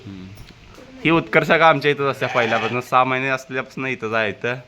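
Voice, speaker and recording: Bright-voiced village vlogger teasing kids. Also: male voice, medium pitch, fast. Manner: teasing, coaxing shy children. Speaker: vlogger interviewing family kids. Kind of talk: casual family vlog chat. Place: family home in a village.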